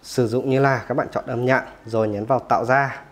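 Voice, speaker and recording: A man hosting a phone tutorial, explaining each step casually and often pausing with "rồi" between steps. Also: mid-range voice, fairly even intonation. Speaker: tech tutorial host.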